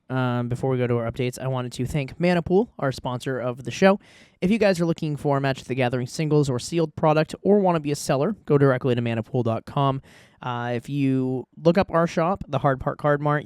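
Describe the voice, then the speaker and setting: A man's voice: medium pitch, darkish tone, smooth, no room sound, clean studio sound. A man co-hosting a casual podcast, reading sponsor spots and laughing easily. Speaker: podcast co-host.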